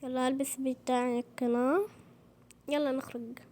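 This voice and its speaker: A channel host with an Egyptian Arabic accent narrates a game role-play playfully and with animation, voicing its characters in formal Arabic. Her voice sits high and moves at a moderate pace.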